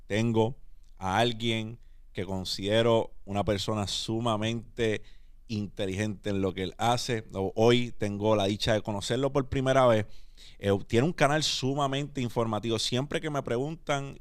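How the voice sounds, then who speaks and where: A Puerto Rican man with a fairly low voice hosts a casual podcast. He talks with energy and drops English words into his Spanish. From Puerto Rico. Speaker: podcast host.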